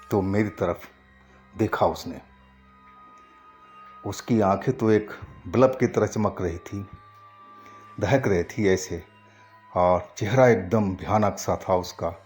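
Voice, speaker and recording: A man telling a first-person ghost story in Hindi narration, slow and halting with frequent pauses and restarts. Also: fairly low pitch, darkish tone.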